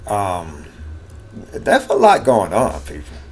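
A man's voice: sits low, huge pitch swings, slow, a little mellow. A middle-aged American man giving a natural, unscripted monologue, rambling casually with folksy slang and repeating himself. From United States. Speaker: vlog host. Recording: clearly noisy background ambience.

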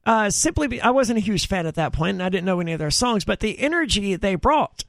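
Talking quickly and with plenty of animation, this man hosts a laid-back podcast conversation about metal bands, tumbling through rambling bursts where he corrects himself and throws in emphatic asides. His high voice is creaky and a bit bright, in studio-quality audio without room sound.

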